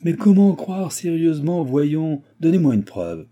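A man's voice: on the high side, unhurried, lo-fi sound, voice pushed up, full character voice. A man reading the part of an old, skeptical, boisterous baron who mocks and exclaims. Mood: mocking. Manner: mocking, excitable exclamations.

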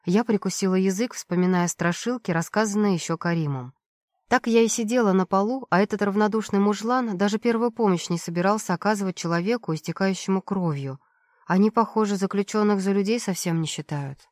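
A woman reading first-person fiction as an audiobook narrator, steady and expressive. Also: medium pitch, fairly quick, no room sound, studio quality.

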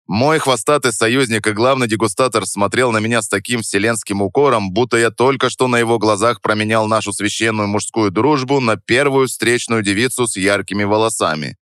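A man with a very low voice narrates a first-person story. His delivery is calm, measured and slightly wry. The recording is dry and close, with no room sound. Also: clear, resonant tone, no room sound. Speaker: audiobook narrator.

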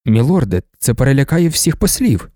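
A man's voice: mid-range voice, big pitch swings, normal speed, warm tone, no echo, clean studio sound, close to an everyday voice. A man voicing a loyal, worried male guard commander in an audiobook, asking earnest and respectful questions. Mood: concerned. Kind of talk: audiobook character voice.

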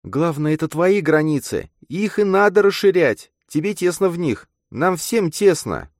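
A man's voice: a little high, lively intonation, unhurried, no echo, clean studio sound, pitched above the performer's own voice. A man voicing a restless, passionate young woman who speaks urgently in a storybook reading. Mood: earnest.

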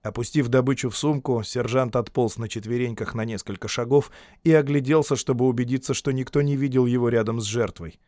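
A man narrating an audiobook in a steady, dramatic reading voice. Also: mid-range voice, fairly quick, dry recording, clean studio sound.

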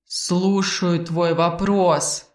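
A woman voicing a teasing, disembodied male sleeper spirit with a tail, speaking in a soft, sly, purring baritone for an audiobook. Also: level tone, drawn-out words, recorded from a distance. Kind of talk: audiobook character voice. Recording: roomy echo.

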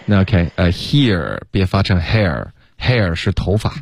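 A man coaching English pronunciation on a radio lesson, patiently correcting sounds and demonstrating them slowly. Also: sits low, very animated, vocal fry, a little hiss or hum. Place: radio studio.

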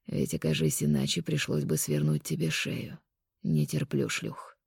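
A woman voicing a cruel male conqueror in an audiobook, speaking low, hushed and taunting. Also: big pitch swings, measured pace, creaky, husky, dry recording, clean studio sound, heavily acted. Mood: cold menace. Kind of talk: audiobook character voice.

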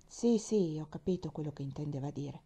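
A woman voicing a stern, gruff older gentleman who speaks curtly and impatiently, his voice breaking with emotion, in a storybook reading. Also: low voice, lively intonation, brisk, voice pushed down, heavily acted.

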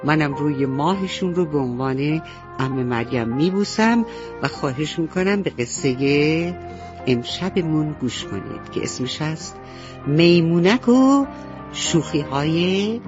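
A woman telling children's bedtime stories on the radio, gently and tenderly, speaking directly to the children. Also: low-pitched, expressive. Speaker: bedtime storyteller. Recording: dull lo-fi radio recording with faint music.

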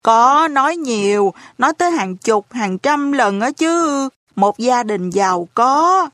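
A woman voicing a hard-of-hearing elderly landlady who speaks in a slow, lamenting, folksy way. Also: fairly high pitch, lively intonation, fairly bright tone, no room sound, clean studio sound. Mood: lamenting, gossipy.

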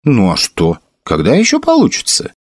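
A timid but keen young foot soldier, voiced by a male narrator in a high, youthful voice well above his own. It is close-miked and dry, with bright pitch swings. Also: wildly swooping pitch, moderate pace, dry recording. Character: young low-born soldier, guilty and keen.

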